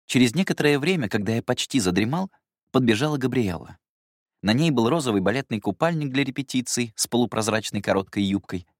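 A man reading a first-person story aloud in a calm, measured way. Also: medium pitch, no room sound, studio quality. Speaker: audiobook reader. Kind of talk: first-person audiobook narration.

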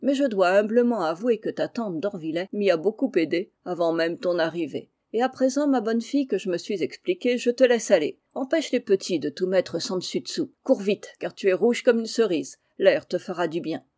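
A woman's voice: mid-range voice, lively intonation, moderate pace, few pauses, dark tone, natural voice. Woman reading a jovial old general. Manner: cheerful and teasing.

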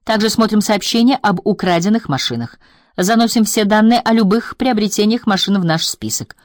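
Brief: a weary male agent, deep and sonorous, put on by a female narrator. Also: expressive, fairly quick, no room sound, clean studio sound, lightly acted. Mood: flat. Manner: mesmerizing, deep delivery. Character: sonorous low-voiced tired male agent.

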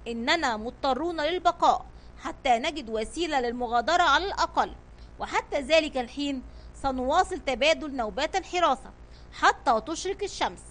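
A woman's voice: high-pitched, expressive, brisk, fairly bright tone. A woman voicing a brave male sailor captain, leading his men with commanding calls. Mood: grave.

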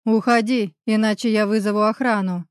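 A woman reading the lines of a protective man who growls at his rival and tenderly comforts the heroine, with a gruff, commanding delivery. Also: mid-range voice, fairly even intonation, normal speed, dry recording, studio quality, lightly acted. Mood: protective stern.

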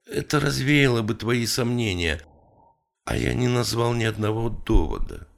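A man's voice: mid-range voice, big pitch swings, normal speed, gravelly. A man reading an audiobook, voicing a gloomy middle-aged male writer who argues earnestly and pleads with his friend. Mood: pleading.

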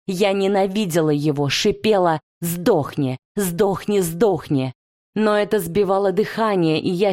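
A woman's voice: lowish voice, darkish tone. Woman reading a fantasy audiobook intensely. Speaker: audiobook narrator. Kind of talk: first-person fantasy audiobook narration.

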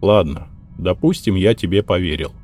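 A man's voice: sits low, moderate pace, darkish tone, soft background music. A man voicing a cold, threatening young male mage who speaks in a clipped, commanding way. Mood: menacing.

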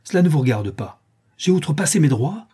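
A man's voice: mid-range voice, normal speed, mellow, husky, close to an everyday voice. A man reading an audiobook and voicing a haughty older aristocratic countess who scolds and commands. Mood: furious.

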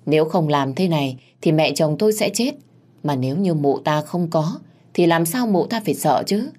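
A woman narrating a first-person story in a steady, even storytelling manner. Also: low voice, normal speed. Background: faint music.

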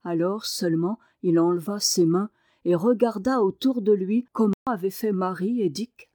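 A woman reading a novel aloud as an audiobook narrator, with measured, expressive narration. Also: mid-range voice, no room sound, studio quality.

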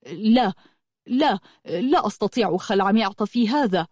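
A woman's voice: mid-range voice, lively intonation, a little slow, darkish tone, no echo, studio quality. A woman voicing a bewildered young man in a storybook. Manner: earnest, explaining.

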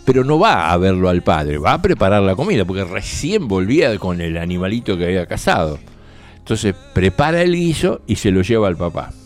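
A man's voice: low-pitched, big pitch swings, brisk, soft background music. A man with a Rioplatense accent telling a Bible story on the radio in a conversational way, often checking in with the listener. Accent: Rioplatense Spanish.

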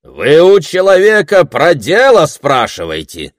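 A man's voice: mid-range voice, sing-song, a little slow, a bit bright, dry recording, clean studio sound, voice pushed up. A man voicing a stern male village prince who speaks firmly and rebukingly.

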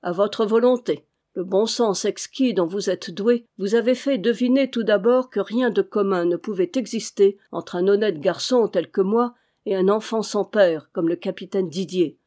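A woman voicing a cynical male valet and hired killer, smooth, insolent and coolly ironic, in an audiobook reading. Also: medium pitch, normal speed, dark tone, lightly acted.

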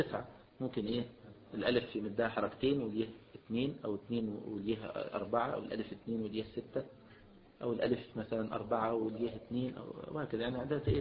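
Fast-talking Egyptian sheikh teaching. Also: male voice, medium pitch. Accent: Egyptian Arabic. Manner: keeps prompting listeners with a questioning "what?"; mixes classical Arabic with colloquial speech. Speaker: sheikh teaching Islamic jurisprudence. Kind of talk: religious lesson. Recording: dull lo-fi lecture recording.

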